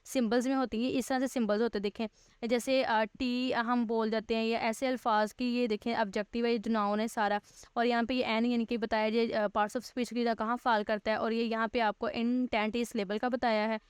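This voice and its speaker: A woman teacher, giving a recorded grammar lesson. She reads English text slowly, then patiently explains it step by step, rephrasing points. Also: a little high, flat delivery, smooth, no room sound, clean studio sound.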